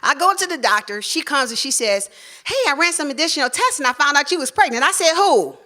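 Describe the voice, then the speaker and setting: Woman, forties, live storyteller, bright tone, animated. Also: quick pace. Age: 40s. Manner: animated, acts out quoted voices with big pitch jumps.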